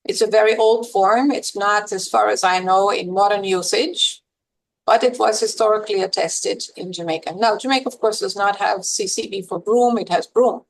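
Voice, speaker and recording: Her voice medium-pitched and creaky, a female professor guesting on an interview podcast lays out ideas in a measured, lecturing style, using some fillers. The recording quality is rough.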